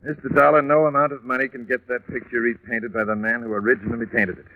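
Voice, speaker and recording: An actor playing a formal, earnest art patron who talks in a self-important way, in an old radio drama. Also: male voice, medium pitch, little pitch movement, fast talker, close to an everyday voice. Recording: tinny old radio recording with faint hiss.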